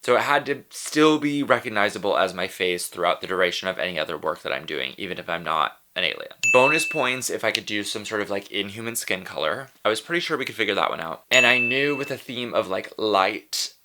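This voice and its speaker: A man's voice: fairly low pitch, animated, fairly quick, few pauses, noisy background. A man with a sassy drag queen manner, narrating a chatty vlog with playful, emphatic asides.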